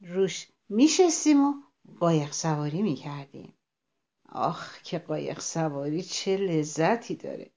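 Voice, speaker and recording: A woman's voice: deep voice, animated, dark tone. A woman voicing an eager male frog who daydreams and then protests indignantly. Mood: dreamy.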